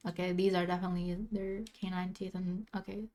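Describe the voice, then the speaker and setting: A woman's voice: fairly low pitch, level tone, quick pace, warm tone. A woman streamer giving casual reaction commentary in a cute, exclaiming anime-streamer manner.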